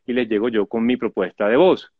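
A man's voice: mid-range voice, a little fast, breathy edge, no room sound. Chatty man telling stories on a call. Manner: animated, chatty, many restarts. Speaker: actor guest. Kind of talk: casual interview storytelling. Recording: dull lo-fi dry audio.

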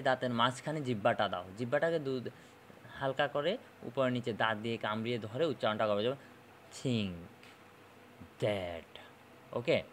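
Man, phonetics teacher, repeats sounds slowly, faint background noise. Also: mid-range voice, a bit bright. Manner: repeats and demonstrates sounds slowly, asks "okay?" often. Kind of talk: phonetics lesson explaining English sounds.

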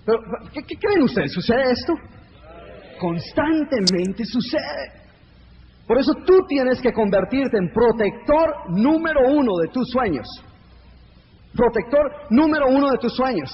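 A man giving an energetic motivational seminar to a live audience, joking and firing rhetorical questions at the crowd. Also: extremely high pitch, unhurried. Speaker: motivational speaker. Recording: echoey hall, dull lo-fi sound, faint noise.

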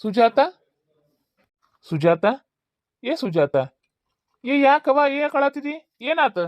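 A fretful old village father-in-law, played by a woman, who rambles and asks the same questions over and over in a North Karnataka Kannada accent. The voice sits fairly high for the part, and the recording is dry and close. It comes from a homemade village comedy skit. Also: big pitch swings, slow pace, no room sound, highs cut off. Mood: worried, bewildered.

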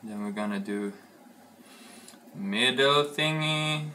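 A man's voice: medium pitch, slow, sharp tone, slight background noise. A young man chatting casually while baking bread in his home kitchen, rambling and playful, thinking aloud and humming as he works. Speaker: home cooking vlogger. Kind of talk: casual cooking chat. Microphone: camera across the room. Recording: echoey room, voice from far off.

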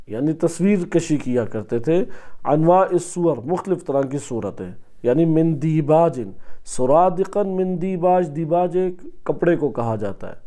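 Measured male religious teacher, mellow tone. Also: a little high. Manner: reads Arabic passages then explains in Urdu; measured, explanatory, asks and answers own questions. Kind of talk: Quran commentary lesson.

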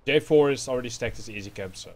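A man with a Dutch accent giving excitable play-by-play commentary on an esports match. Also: mid-range voice, fast. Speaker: esports caster.

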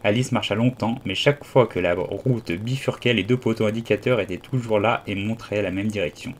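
A man reading an audiobook aloud in a calm storytelling manner. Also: fairly low pitch, brisk, slight background noise. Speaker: audiobook reader. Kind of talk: audiobook narration.

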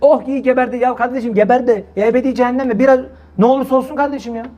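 A man's voice: extremely high pitch, steady tone, very fast, dark tone, muffled recording. A man with a Turkish accent giving an impassioned religious talk to an audience, exhorting his listeners and reciting Arabic verses. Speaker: preacher.

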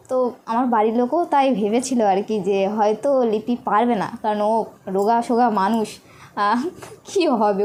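A young woman, a new mother, tells her birth story in a casual, halting way, often stopping on fillers. Her voice sits a little high. Faint noise hums behind her. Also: darkish tone. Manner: halting, with many pauses and fillers.

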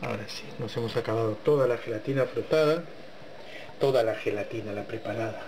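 Speaking fairly quickly in a mid-range, somewhat dark voice, a man runs a home cooking channel, with a little hiss or hum audible. He talks his viewers through making a dessert step by step in his kitchen. It's a casual, chatty tutorial where he keeps up conversation while he works.

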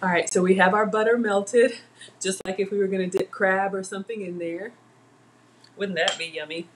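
A middle-aged woman runs a relaxed live cooking demo from her kitchen at home, chatting away to viewers and calling out commenters by name as she works. Her voice is medium-pitched and steady at a normal speed, picked up by a fixed camera at counter distance over a noisy background.

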